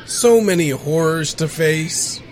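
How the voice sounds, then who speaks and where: An actor playing a weary, exasperated radio host in a post-apocalyptic comedy audio drama, announcing with theatrical flair. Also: male voice, a little high, slow pace, a little mellow, slight background noise, low-quality recording. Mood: weary, dry.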